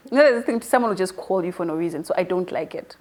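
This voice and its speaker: In an interview about her new role presenting an online show, an early-twenties woman relates personal stories in a relaxed, talkative way. Her voice is on the low side, darkish and expressive, and she speaks at a racing pace.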